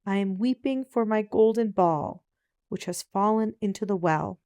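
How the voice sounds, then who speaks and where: A woman's voice: medium pitch, moderate pace, a little mellow, no room sound, lightly acted. A woman voicing a spoiled, fickle young princess in a fairy tale read aloud, with careful, archaic speech. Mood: tearful complaint.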